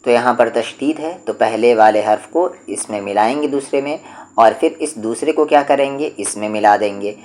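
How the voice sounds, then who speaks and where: A man teaching an Urdu reading lesson, going slowly and patiently, repeating each rule and sounding out syllables one by one. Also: mid-range voice, a little mellow. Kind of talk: step-by-step spoken lesson.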